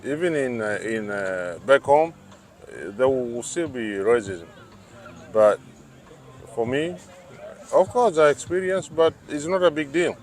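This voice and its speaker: A man's voice: medium pitch, expressive, slow pace, pauses often. A middle-aged man with a Tanzanian accent, giving hesitant answers in a casual street interview and searching for his words. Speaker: interviewee, biochemical engineer.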